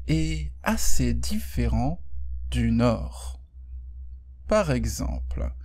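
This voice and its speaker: Young guy teaching french super slowly, clear words, dry little jokes. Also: mid-range voice, darkish tone. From Brittany, France. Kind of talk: slow podcast lesson for learners.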